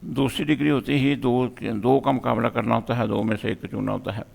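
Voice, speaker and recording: A man's voice: medium pitch, fairly even intonation, fairly quick, vocal fry, a little mellow, big-room sound. A man teaching a grammar lesson, explaining step by step and asking questions he then answers.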